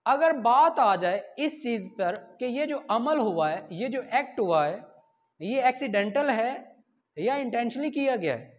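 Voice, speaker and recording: Pitched extremely high, a man with a Pakistani accent teaches law in an expressive, slightly slow delivery. He leans on examples, answers questions he raises himself, and code-switches into English terms; the recording is dull, lo-fi lecture audio.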